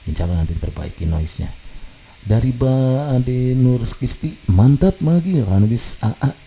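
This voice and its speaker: A man's voice: mid-range voice, animated, normal speed, vocal fry, warm tone. A man hosting a study channel, casually reading viewer comments aloud with frequent laughs and English phrases mixed in. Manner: chatty, laughs often, mixes in English phrases. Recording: faint background noise.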